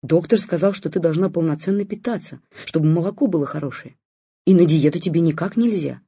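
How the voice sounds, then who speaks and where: Doting new father, anxious and cooing, read by the audiobook narrator, mellow tone, husky edge. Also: medium pitch, fairly quick, no echo. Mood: pleading. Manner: cooing, soft and fussing. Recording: dull lo-fi recording.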